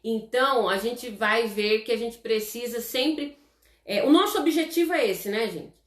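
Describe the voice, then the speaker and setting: A woman with a fairly high pitch leads a live online lesson, her voice sounding roomy. She's Brazilian, with a Brazilian Portuguese accent, and she explains slowly and patiently while chatting with viewers and tossing in many "tá?" checks.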